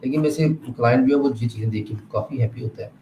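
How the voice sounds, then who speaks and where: A man's voice: medium pitch, fast, highs cut off. A man showing his work in class, reading English lines aloud and addressing the teacher as sir. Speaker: student. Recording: echoey room, clear background noise.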